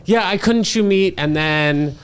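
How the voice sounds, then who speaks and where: A man's voice: high voice, a little slow, clean tone. A man hosting a comedy podcast, rambling and hesitant, with frequent fillers and restarts. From New York. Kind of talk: casual podcast chat.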